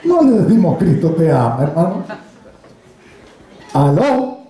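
A man's voice: a little high, big pitch swings, unhurried, dark tone, some chatter behind. A man preaching a sermon as pastor, joking and telling stories as he calls his listeners brother. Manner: jokey, storytelling preacher, addresses congregation as brother. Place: church. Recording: echoey church hall.

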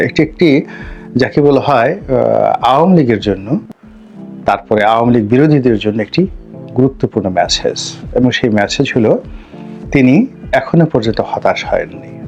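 A man giving a political commentary monologue, speaking deliberately and emphatically as he builds up lists of points. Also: medium pitch, a little mellow. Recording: slightly dull sound with faint music.

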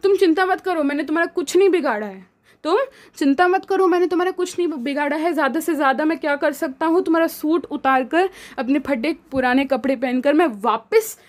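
Poor defiant tramp, read out by a woman teacher, high voice, plain storybook lesson delivery. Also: lightly acted. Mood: pleading. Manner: reads book lines slowly, retells in Hindi. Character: poor male tramp selling rattraps, defiant.

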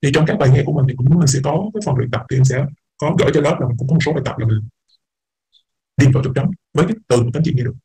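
A man's voice: mid-range voice, rapid-fire, warm tone, husky, rough recording. A man teaching an English class, explaining patiently, repeating words and mixing English terms into his talk. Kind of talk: online class lecture.

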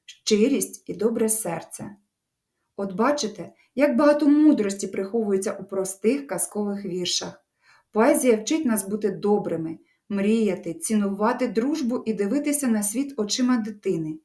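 Expressive woman teaching a literature lesson. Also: mid-range voice. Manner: expressive, lively storytelling delivery; warm encouraging address to pupils.

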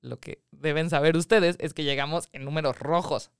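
Animated Mexican woman producer, thirties, very clear voice, dry close mic. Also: low-pitched, moderate pace, no echo. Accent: Mexican Spanish. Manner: animated storytelling, acts out quoted voices. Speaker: guest, film producer. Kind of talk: casual interview chat.

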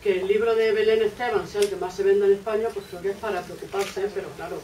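A woman's voice: mid-range voice, fairly even intonation, fast, dark tone. A woman on a bookshop author panel, opinionated and posing rhetorical questions. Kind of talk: casual panel discussion. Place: bookshop café, seated at a table. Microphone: far camera. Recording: echoey room, distant mic, noise.

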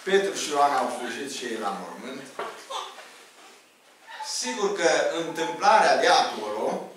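A man preaching a sermon in a church meeting hall, reading Bible passages and asking the congregation questions. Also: medium pitch. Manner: lively, asks the congregation questions. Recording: echoey hall, distant mic, noisy.

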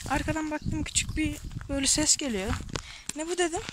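A woman with a fairly high voice talks casually to her phone camera on a pasture, full of tender pity for the animals she sees. The outdoor recording carries clear wind and field noise, with birds and animals around her. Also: fairly quick. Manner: chatty, tender and pitying toward animals. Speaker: village life vlogger. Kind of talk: casual outdoor vlog narration.

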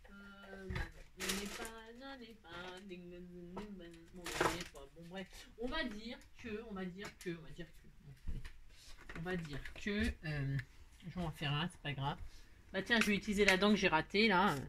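A woman's voice: lowish voice, moderate pace, very noisy. A woman hosting a casual scrapbooking tutorial at home, chatting to viewers in a rambling, self-mocking way as she works. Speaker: craft tutorial host.

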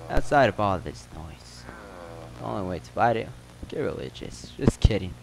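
A man's voice: lowish voice, very animated, moderate pace, gravelly. A man voicing a gossipy male motel worker in a put-on accent, telling rambling, joking stories. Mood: spinning tales. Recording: loud game noise behind.

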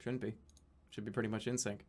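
His voice is lowish and his pace quick as this man in his thirties chats on a live stream from a small room at home. He reads out donations, rambles, swears, and sometimes breaks into excited shouting.

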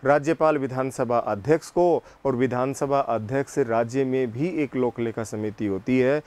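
In a classroom political science lecture, a man speaks in a darkish, mid-range voice at a slow, deliberate pace. He raises questions only to answer them himself, and he keeps restating the key ideas.

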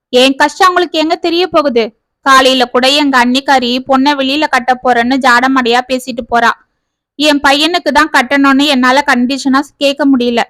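A woman doing a fretful village mother from a storybook, complaining about her son's prospects. The voice is high and bright in a dry space. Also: no room sound. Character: worried village mother fretting about marriage. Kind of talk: storybook reading.

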